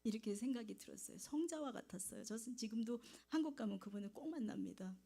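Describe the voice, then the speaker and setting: A woman in her forties preaching a sermon in a church and telling a personal testimony, with pauses and hushed asides. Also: on the high side, expressive, vocal fry, husky. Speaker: evangelist preacher. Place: church sanctuary.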